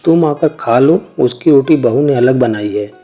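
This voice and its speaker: A man's voice: medium pitch, measured pace, mellow. A man voicing a stern, weary village aunt and widowed mother in a storybook reading, speaking curtly and with resignation.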